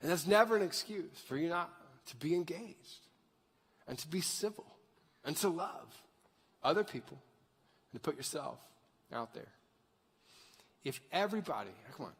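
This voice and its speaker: Husky thirty-year-old preacher in a reverberant hall. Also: male voice, medium pitch. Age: 30s. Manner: conversational, asks the crowd for raised hands. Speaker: pastor. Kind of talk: sermon. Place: large church sanctuary.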